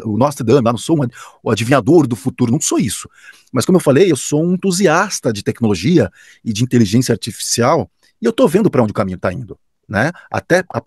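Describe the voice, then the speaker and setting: This is an enthusiastic Brazilian announcer speaking casually in an interview. His husky voice moves animatedly up and down in pitch, and he stresses his points hard. The recording is dry and close. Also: darkish tone, no room sound. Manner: enthusiastic, emphatic, with frequent restarts. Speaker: professional announcer and radio director.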